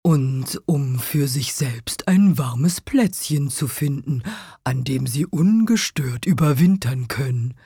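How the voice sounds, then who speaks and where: A woman voicing a gloomy male stag beetle in a children's audio story, talking in a low grumble. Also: lively intonation, slow pace, dark tone, husky, no room sound, clean studio sound, full character voice. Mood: worried.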